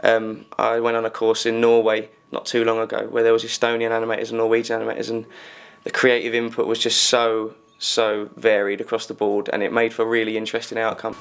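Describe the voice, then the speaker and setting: A man in his twenties, working as an animator, answers interview questions. His pitch barely moves at all, and he keeps a level, even delivery throughout. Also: fairly quick, creaky, clear, resonant tone. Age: 20s.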